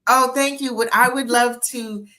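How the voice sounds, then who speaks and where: A woman's voice: on the high side, steady tone, moderate pace, a crowd in the background. A woman in her sixties hosting a livestream interview as a book coach, upbeat and encouraging, often repeating herself on a video call. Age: 60s.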